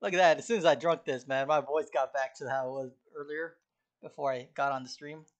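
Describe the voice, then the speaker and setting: Studying a textbook live on stream, a man with a slightly high voice talks to himself at an easy, fairly quick pace with fairly even intonation. His throat feels irritated, so he keeps clearing it, and he recites his notes from memory in a laid-back way.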